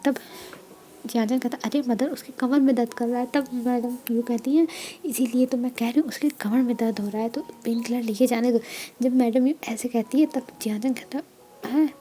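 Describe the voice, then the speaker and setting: A young woman narrating a fanfiction story, reading every part herself and often dropping into a soft whisper. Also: a little high, fairly even intonation, fairly quick, slight background noise.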